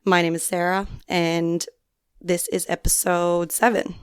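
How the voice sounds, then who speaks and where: Hoarse from singing, a young woman from Newfoundland, Canada, rambles chattily through her solo podcast with plenty of ums and likes. Her voice is low for a woman, smooth and clear, delivered flatly at a measured pace, recorded close and dry with no room sound.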